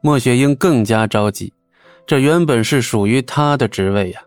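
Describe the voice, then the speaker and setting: A man's voice: medium pitch, normal speed, no room sound, faint music behind. Male audiobook narrator, dry close sound.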